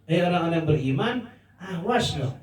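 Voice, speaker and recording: A man preaching a lively sermon, asking his listeners rhetorical questions. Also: fairly high pitch, moderate pace. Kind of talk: religious sermon. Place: religious gathering hall. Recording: echoey hall, mic from a distance.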